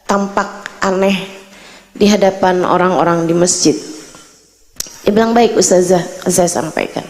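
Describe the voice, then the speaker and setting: A woman's voice: mid-range voice, a little mellow, long reverb tail. A woman preacher telling a story in a sermon and quoting the people in it with feeling. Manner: emotional retelling, quoting others' words. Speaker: Islamic preacher.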